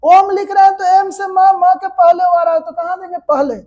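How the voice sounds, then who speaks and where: A woman shorthand teacher with a Hindi accent, giving a classroom lecture and explaining step by step while asking her students quick questions. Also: extremely high pitch, fairly even intonation, dark tone. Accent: Indian Hindi.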